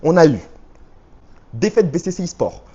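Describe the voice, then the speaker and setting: A man's voice: a little high, big pitch swings, normal speed, dark tone, slightly rough, dull audio. A man live streaming on a handheld phone rig, bantering in slang with his viewers and reading their chat messages aloud. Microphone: handheld phone rig with stabilizer.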